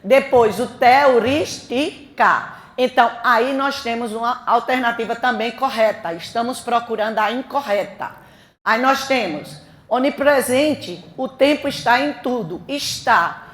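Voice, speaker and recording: A woman with a Brazilian Portuguese accent teaching a grammar class for an exam, talking fast and quizzing her students with questions she then answers. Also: fairly high pitch.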